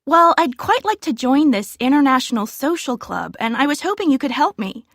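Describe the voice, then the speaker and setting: A friendly female student in her twenties who gives her details clearly and spells out words. Her voice sits fairly high, recorded dry and close for exam listening audio. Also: big pitch swings, normal speed, fairly bright tone, no echo, full character voice. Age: 20s. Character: young female student joining a club.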